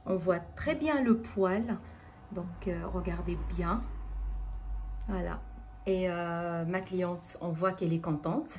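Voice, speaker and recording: A woman's voice: on the low side, slow pace, darkish tone, a little hiss or hum. A woman beautician giving a casual on-camera demonstration in a salon treatment room. She speaks with enthusiasm, repeats her praise and explains the aftercare steps. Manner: enthusiastic, repetitive praise, instructive. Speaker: microblading beautician.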